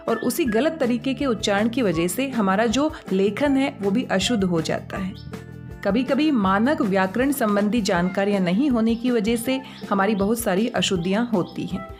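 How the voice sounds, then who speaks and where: A woman with a fairly high voice teaches a spelling lesson, calm and patient. She breaks each word into its sounds and explains them one at a time. Faint music plays under her voice. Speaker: Hindi teacher.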